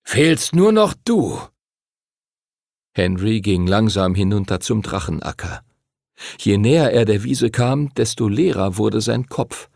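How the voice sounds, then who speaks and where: A man reading a children's fantasy novel aloud as an expressive audiobook narrator. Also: lowish voice, unhurried, creaky, no echo, studio quality. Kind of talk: scripted narration.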